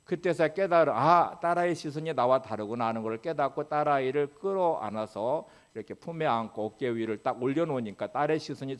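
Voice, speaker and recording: A pastor delivers a sermon in a church, his pitch rising and falling with lively expression. He steps into quoted rebukes and prayers by lifting his voice, then drops back to a calmer teaching tone. His voice sits in an ordinary middle range for a man. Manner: animated preaching, acting out Jesus' rebukes in a raised voice. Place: church sanctuary.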